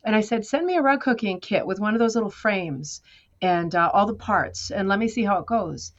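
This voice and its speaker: An American woman, appearing as a guest artist in a conversational interview, tells her story in a chatty, self-deprecating way. Her medium-pitched voice is expressive and brisk, though the audio sounds dull.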